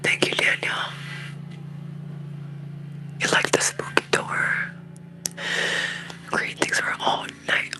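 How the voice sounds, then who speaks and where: A woman's voice: takes it slowly, pauses often. A woman whispering casually and chattily as she hosts an ASMR livestream. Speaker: livestream host. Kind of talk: whispered ASMR livestream chat while coloring. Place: apartment room.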